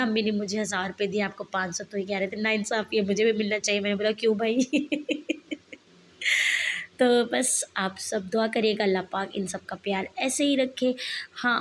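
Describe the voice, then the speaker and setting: A woman's voice: mid-range voice, slight background noise. A woman, narrating her family vlog in a chatty way with laughing asides. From Pakistan. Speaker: vlogger.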